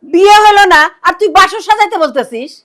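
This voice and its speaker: Woman playing a shrill exasperated mother. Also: very animated, quick pace, bright, forceful tone, heavily acted. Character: bewildered scolding mother. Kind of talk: comedy TV play acting.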